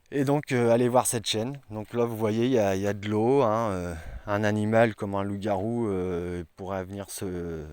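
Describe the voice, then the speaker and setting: A man's voice: fairly low pitch, dry recording. A man vlogging outdoors in a forest, talking earnestly and rambling with many hesitations. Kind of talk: casual vlog talk to camera.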